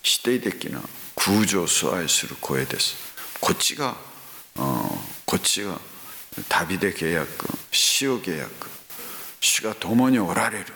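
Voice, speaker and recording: A man preaching a sermon, talking slowly with frequent hums and sudden rising exclamations. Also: deep voice, expressive, pushed and bright. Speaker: pastor. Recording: echoey hall with faint hiss.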